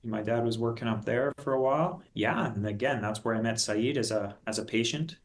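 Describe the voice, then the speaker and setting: Relaxed, rambling male guest. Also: medium pitch, brisk, a little hiss or hum. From northern Canada. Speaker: guest, company co-founder. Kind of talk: casual interview talk.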